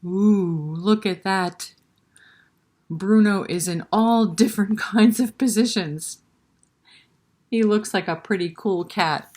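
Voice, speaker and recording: A woman with a mid-range, somewhat dark voice speaks slowly and pauses often while hosting a library story time. She reads a picture book expressively and turns to the young listeners with questions and asides.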